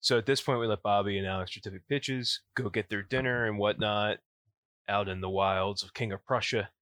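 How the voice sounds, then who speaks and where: A man with a rough, gravelly voice, still recovering from illness, speaking casually and informally as a podcast host. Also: on the low side, steady tone, brisk, a bit bright, dry recording, studio quality. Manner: informal, says "yous" for plural you. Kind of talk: casual solo podcast update.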